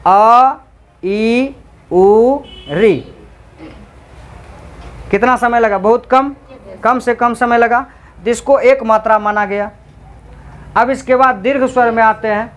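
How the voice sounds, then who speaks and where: A man teaching a class, quizzing students with repeated questions and drawing out sounds slowly to demonstrate them. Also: very high-pitched, steady tone, fairly bright tone. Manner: slow, drawn-out sound demonstrations. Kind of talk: classroom grammar lecture.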